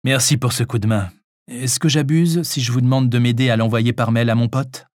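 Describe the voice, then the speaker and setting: A man's voice: medium pitch, fairly even intonation, fairly quick, darkish tone, dry recording, close to an everyday voice. A man reading an audiobook, voicing a wry, playful doctor with dry teasing.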